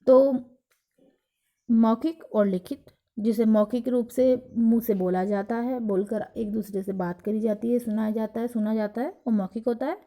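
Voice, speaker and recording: A woman teacher giving a recorded lesson, explaining slowly and acting out examples. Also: fairly high pitch, fairly even intonation, dark tone. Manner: slow, explanatory, acts out examples. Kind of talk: recorded lecture on teaching Hindi.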